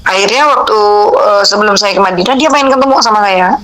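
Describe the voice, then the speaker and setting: Amid background noise, a middle-aged Indonesian woman of 45 or more talks quickly in a mid-range voice. Interviewed as a religious counsellor, she gives an animated account of a personal experience, quoting the conversation informally.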